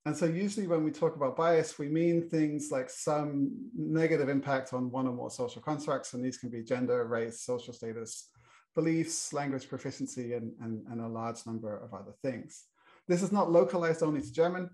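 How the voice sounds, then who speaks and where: Medium-pitched and darkish in tone, a middle-aged man from Britain speaks at a moderate pace as he introduces a panel's topic. His British English delivery is full of fillers and restarts.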